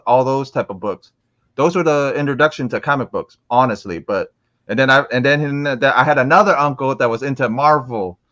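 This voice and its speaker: A young man from Florida chats casually as an interview guest. He rambles, restarts his sentences and fills the gaps, and his voice sits at an average pitch. The recording sounds a little muffled and lo-fi. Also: a bit bright. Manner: rambling with many restarts and fillers. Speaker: interviewed guest, comic collector.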